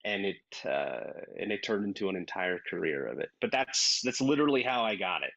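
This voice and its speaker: Male voice actor guest, lively storyteller, low voice, muffled dry line. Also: brisk, gravelly, no echo. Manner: animated, acts out quoted dialogue. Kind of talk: casual interview storytelling. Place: based in Los Angeles.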